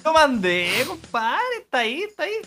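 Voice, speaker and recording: Teasing Chilean podcast co-host. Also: male voice, very high-pitched, huge pitch swings, normal speed. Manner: teasing, repeats lines, slangy. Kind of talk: casual podcast banter.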